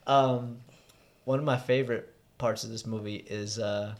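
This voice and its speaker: A man co-hosting a casual movie chat, an animated storyteller who laughs often as he talks. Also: on the low side, a little slow, background noise. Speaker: podcast co-host.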